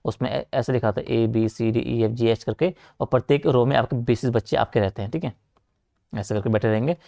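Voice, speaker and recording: A young man teaches an exam-prep class in loose, conversational speech. His voice sits at a middle pitch with a gravelly roughness. He repeats himself and keeps checking in with the students. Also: moderate pace, warm tone. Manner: repetitive, checks in with frequent "theek hai"; direct, urging students to keep writing. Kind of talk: casual online class lecture.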